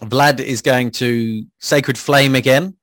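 A man's voice: mid-range voice, steady tone, slow, fairly bright tone. Playful man playing a tabletop game. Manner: playful, jokey, bursts into character voices. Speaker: player.

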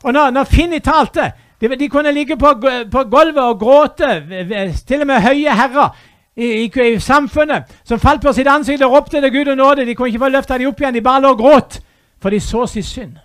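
A man preaching a fervent sermon, dropping to a hush and then rising to loud, urgent appeals. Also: very high-pitched, no room sound, studio quality.

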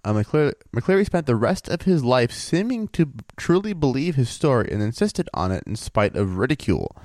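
A man co-hosting a casual podcast, telling a story in a relaxed way and thinking aloud. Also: mid-range voice, a little fast, no echo.

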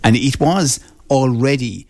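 A man's voice: mid-range voice, measured pace, darkish tone, no room sound. An Irish man presenting live radio in a conversational style, introducing and interviewing guests.

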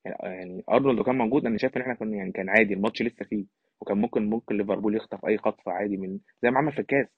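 Speaking Egyptian Arabic at a racing pace, this Egyptian man offers opinionated football takes as a podcast guest, keeping things casual but emphatic. His fairly low voice has a husky texture. The audio comes through a thin, phone-like line with a bit of room echo.

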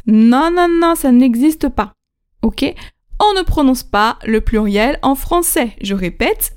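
A woman hosting a language-learning podcast, teaching pronunciation slowly and clearly, repeating key points and checking in with the listener. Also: high-pitched, a little mellow. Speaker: podcast host and French teacher. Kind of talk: slow, clear teaching talk.

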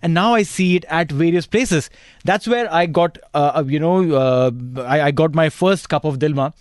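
An Indian man with a fairly high voice co-hosts talk radio. He speaks in a conversational, anecdotal manner, recorded close and dry. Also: moderate pace, smooth, no room sound. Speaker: radio co-host.

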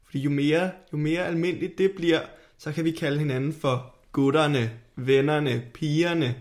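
A man's voice: fairly high pitch, steady tone. A man, chatting casually as a podcast co-host. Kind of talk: casual chat.

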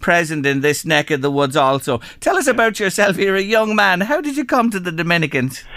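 Radio host: Irish man, bright forward tone, chatty interviewing style, dry studio sound. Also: high voice, sing-song, a little fast, dry recording.

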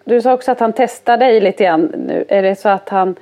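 A woman in casual conversation, asking gentle, probing follow-up questions. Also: medium pitch. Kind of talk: casual chat. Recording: slightly dull lo-fi sound.

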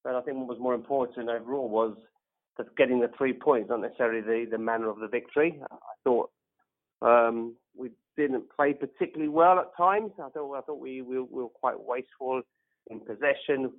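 Over a narrow, phone-like line, a man gives his take as a football fan guest. His commentary is unscripted and stop-start, with words repeated as he thinks, in a mid-pitched voice. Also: a little fast. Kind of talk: unscripted post-match commentary. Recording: tinny, phone-like call.

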